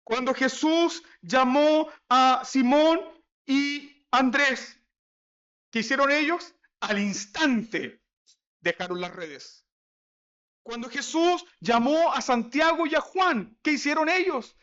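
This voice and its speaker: A man's voice: very high-pitched, slow, a bit bright, lo-fi sound. A Chilean man preaching a sermon as pastor, pressing the congregation with repeated rhetorical questions.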